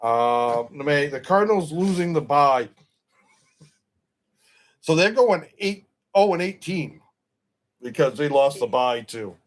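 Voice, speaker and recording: A man's voice: a little high, lively intonation, slow, long pauses. A middle-aged man hosting a stream, chatting casually about football in a rambling, opinionated way and often correcting himself. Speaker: stream host.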